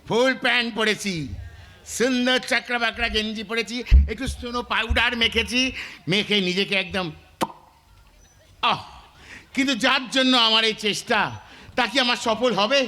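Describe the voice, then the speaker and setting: A man's voice: extremely high pitch, normal speed, sharp tone, full character voice. A man playing a fretful henpecked husband. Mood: anxious. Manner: fretful, comic. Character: nervous henpecked husband, comic. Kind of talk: folk stage comedy acting.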